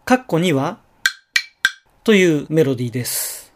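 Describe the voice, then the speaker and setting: A man giving a recorded language lesson, explaining word stress slowly and carefully, with pauses and fillers. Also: on the high side, sing-song, background noise. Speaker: language teacher. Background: wood block clicks.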